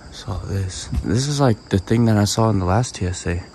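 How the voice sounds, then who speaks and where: A man's voice: fairly low pitch, a little fast, creaky, darkish tone. A young man in his twenties talks casually and thinks aloud while vlogging on a handheld camera outdoors in a rural village, swearing now and then. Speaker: travel vlogger. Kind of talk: casual vlog narration. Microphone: handheld camera held close. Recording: outdoor camera audio with insect noise. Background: crickets and insects.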